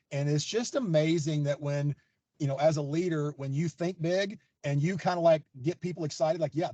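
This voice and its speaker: Man, event organizer, upbeat motivational talk, slightly high voice, dry video-call sound. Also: mellow, no room sound, lo-fi sound. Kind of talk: webinar conversation. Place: parking lot.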